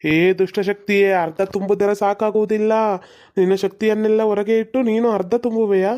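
A stern old exorcist priest in a cartoon, speaking in a flat, dark, measured voice and summoning a spirit with slow formal commands. A performer puts him on. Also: medium pitch, close to an everyday voice. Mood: commanding.

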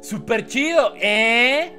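A man voicing Sonichu, a cocky male electric hedgehog hero, in a gruff, exaggerated macho tone. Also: very high voice, lively intonation, drawn-out words, sharp tone, faint music behind, exaggerated voice. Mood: boastful.

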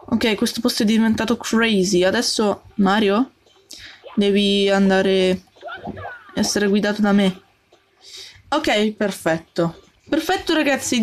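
A woman doing let's play commentary, jumpy and full of yelps, talking to her game character and her viewers. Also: a little high. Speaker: gaming channel host.

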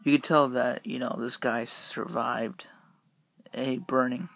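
A man's voice: medium pitch, steady tone, slow pace, creaky, fairly bright tone. A young man reviewing a Halloween mask in a casual, rambling way, talking through the rubber mask he is wearing. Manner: rambling, filler-heavy, upbeat. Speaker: YouTube reviewer.

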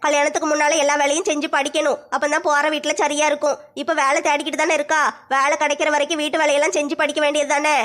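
A woman's voice: high-pitched, little pitch movement, quick pace, few pauses, a bit bright, pitched below the performer's own voice. Woman playing a nagging old mother-in-law. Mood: scolding. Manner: scolding, complaining. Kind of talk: comedy skit acting.

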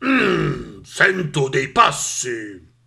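A man voicing a big, hungry, slow-witted male monster in a storybook reading, gruff and loud. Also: a little high, sing-song, full character voice.

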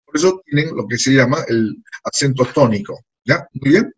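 A man's voice: medium pitch, expressive, normal speed, breathy edge, poor audio. A man teaching an English class in to a group of students, patiently repeating words and phrases. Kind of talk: classroom lesson.

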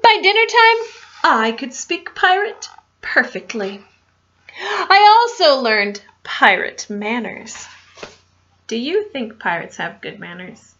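A woman reading a picture book aloud to children in an animated way, with asides and questions for her young listeners, on a dull lo-fi recording. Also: sits high, takes it slowly. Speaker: storytime reader.

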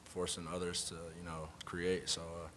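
A young man, a college basketball player at a postgame press conference, speaking in a soft, low-key way with many fillers into a table mic. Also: completely flat delivery, normal speed, a little hiss or hum. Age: young adult.

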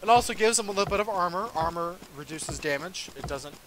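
A man's voice: high voice, lively intonation, quick pace, background noise. A young man giving a casual, rambling walkthrough of a strategy game, full of fillers and self-deprecating asides. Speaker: game tutorial presenter. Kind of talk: casual gameplay commentary.

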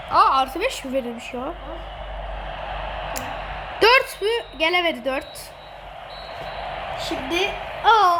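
A woman giving excited commentary over a football video game, teasing and gloating at her opponent and laughing often. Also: extremely high pitch. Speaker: gamer streamer. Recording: noisy game audio behind.

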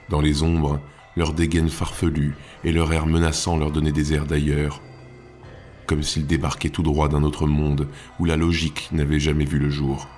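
A man narrating a fantasy thriller audiobook in a measured, dramatic way. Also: rumbling low, darkish tone.

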